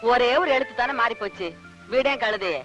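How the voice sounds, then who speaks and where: A woman's voice: a little high, brisk, fairly bright tone, highs cut off, faint music behind, close to an everyday voice. An actress playing a fussy, teasing middle-aged mother who talks in a chatty, wheedling way. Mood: doting.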